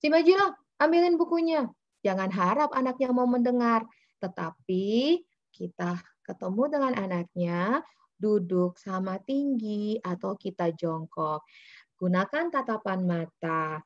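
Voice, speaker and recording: A woman's voice: mid-range voice, animated, measured pace. Woman giving a dull-sounding webinar talk. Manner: explanatory, many fillers, acts out examples to children. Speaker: webinar speaker on child communication. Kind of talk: presentation with slides.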